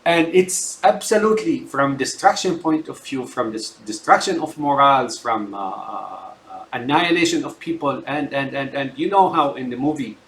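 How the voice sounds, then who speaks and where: Older Syrian-born man in his sixties, casual political rant, rambling with lots of uhs and "right?", mid-pitched, roomy echo. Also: animated, moderate pace, hardly any pauses, fairly bright tone. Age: 60s. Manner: rambling, heavy filler words, repeated tag questions. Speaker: political commentator.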